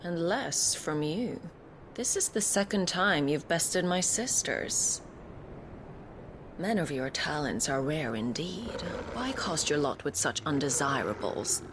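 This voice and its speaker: A woman's voice: low voice, expressive, slow, slight background noise. A woman playing a haughty, seductive video game villainess, imperious and cruelly taunting, with theatrical archaic phrasing. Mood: silky condescension.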